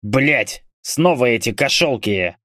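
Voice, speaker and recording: A man's voice: medium pitch, animated, slow, fairly bright tone, no echo, studio quality. A man voicing a grumpy, foul-mouthed male berserker who grumbles and curses. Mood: irritated. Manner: coarse, swearing, grumbling.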